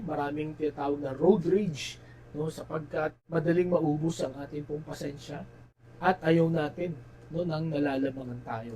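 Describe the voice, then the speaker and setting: Filipino pastor preaching, fairly high voice. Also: male voice, a little mellow, a little hiss or hum, low-quality recording. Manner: Tagalog-English code-switching, tag "no?" after phrases; slows and drops his voice for key phrases, rises in pitch and volume elsewhere. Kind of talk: sermon.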